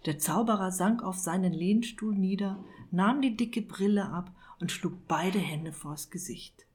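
A woman narrating a fantasy story in a measured, expressive reading. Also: mid-range voice. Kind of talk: audiobook reading.

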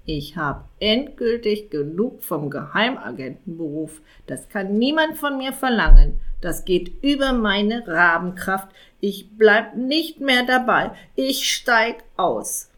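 A woman voicing a grumpy, pessimistic male raven, a gloomy old vagabond with a croaking voice, in a storybook reading. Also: mid-range voice, animated, slow pace, few pauses. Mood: weary. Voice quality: croaking, raised and loud. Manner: complaining, pessimistic.

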